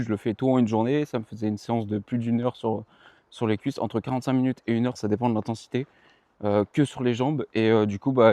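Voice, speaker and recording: A young man talks casually about his training in a mellow, darker voice, sounding tired. He rambles, restarts his sentences and drops slang. The recording is dry and close. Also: mid-range voice, no echo. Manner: rambling, self-correcting, slangy. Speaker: running vlogger. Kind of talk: casual vlog chat to the viewer. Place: outdoors.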